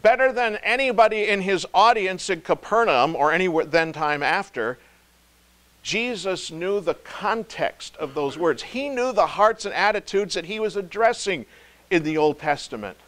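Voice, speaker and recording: A male pastor giving a devotional sermon, emphatic, slowing to stress key words and dropping low and soft. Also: expressive. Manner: emphatic, slow stress on key words, wide swings in loudness.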